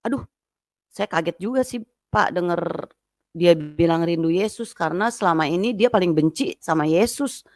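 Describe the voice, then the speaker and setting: A woman telling a personal testimony as a guest, lively and acting out the voices of people she quotes. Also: normal speed, dry recording. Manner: lively, acts out quoted voices in a high pitch.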